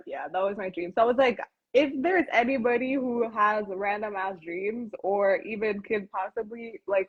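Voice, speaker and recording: A woman hosting a casual livestream chat over a video call, animated and slangy, laughing often. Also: medium pitch, breathy edge, narrow, tinny audio. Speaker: host.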